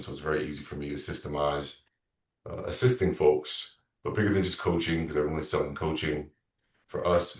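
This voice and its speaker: An extremely low-pitched man speaks in an echoey room on a distant mic. A real estate coach in his thirties, he handles a sales consultation over video call casually, drifting a little and self-correcting.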